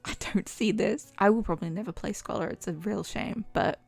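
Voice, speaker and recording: A woman's voice: mid-range voice, fairly quick, creaky, darkish tone, faint music behind. A young woman streaming, chatting casually and reading quiz answers aloud with dramatic flair. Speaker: VTuber streamer. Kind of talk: casual chat.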